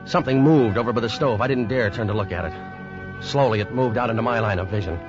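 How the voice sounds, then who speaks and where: Loud orchestral music fills this dull vintage radio recording of 1940s-50s suspense drama, where an American actor plays a tense, shaken man telling of mortal danger at sea. He speaks in first person with intense, dread-filled drama, at a quick pace and in a medium-pitched, near-everyday voice.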